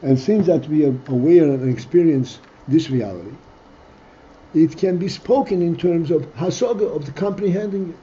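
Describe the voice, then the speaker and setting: Reading Hebrew phrases aloud, a man with a fairly high, dark voice leads a text study class and explains them slowly in English, pausing occasionally to clear his throat. The recording has its highs cut off.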